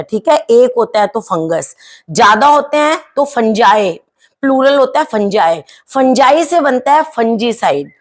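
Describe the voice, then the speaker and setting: A woman with a fairly high voice walks viewers through a home gardening lesson. She explains things step by step in a chatty way, leans on tag questions and fillers, and slips words in as she goes. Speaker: gardening channel host.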